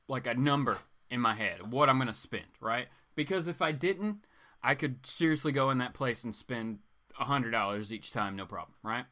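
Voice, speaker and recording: Pushed and bright, this man's voice sits fairly high. He's hosting a casual comics livestream, rambling informally and going theatrical for dramatic read-aloud passages.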